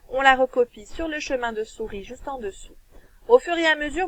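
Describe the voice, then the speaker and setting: Woman, French accent, school teacher, slow careful dictation, fairly high voice. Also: poor audio. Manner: slow, clear dictation, stretching words and syllables. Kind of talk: recorded dictation lesson for children.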